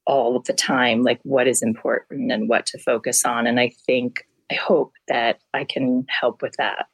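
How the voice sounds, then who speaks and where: Gravelly low-voiced woman doctor. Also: no echo, low-quality recording. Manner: candid, explains with homely comparisons. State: hoarse from allergies. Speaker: family medicine doctor, guest. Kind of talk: casual interview answers.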